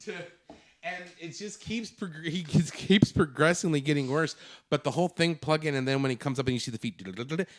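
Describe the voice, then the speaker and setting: A man co-hosting a casual discussion after a horror screening, excitable, swearing and acting out lines from the film. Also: on the high side, fairly quick, no echo, clean studio sound. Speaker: co-host. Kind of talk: casual post-movie discussion.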